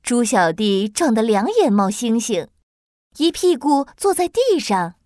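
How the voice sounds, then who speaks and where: A woman narrating a children's story in an expressive, lilting way. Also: a little high, a little slow, dry recording, clean studio sound.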